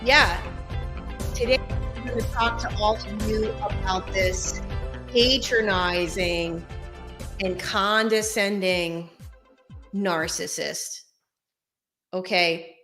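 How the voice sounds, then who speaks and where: A woman speaking straight to her viewers in a casual, deliberate way, her voice echoing around a bare room. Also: mid-range voice, over music. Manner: slow, deliberate, often checks in with "okay?" and "you guys". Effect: echoey bare room sound. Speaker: online host. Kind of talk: casual direct-to-camera talk. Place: bare room without carpets, indoors.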